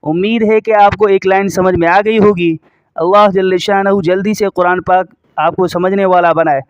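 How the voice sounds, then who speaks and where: A man teaching Quran reading, stretching out each syllable slowly in recitation and then explaining quickly in between. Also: high-pitched, steady tone, smooth, no echo, lo-fi sound. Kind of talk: recorded lesson.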